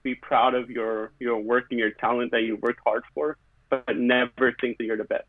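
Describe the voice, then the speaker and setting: A podcast guest, a background painter from California, speaks at normal speed in a level, mid-range voice, earnest and reflective, with short phrases and fillers throughout the casual chat. The recording is very dry and sounds tinny, like a phone line.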